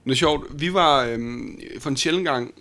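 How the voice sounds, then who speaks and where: A man's voice: mid-range voice, bright, forceful tone. A young man co-hosting a podcast, talking casually with many fillers and restarts. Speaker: podcast co-host and battle judge.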